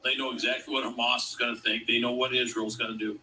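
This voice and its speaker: Man, fast explanatory commentary, sharp tone, faint background noise. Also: medium pitch, level tone. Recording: bright, distant clip with faint noise.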